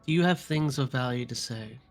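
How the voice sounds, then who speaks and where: A man's voice: mid-range voice, brisk, soft background music. A man playing a tabletop game, speaking bluntly and dryly. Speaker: player. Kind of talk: casual tabletop game talk.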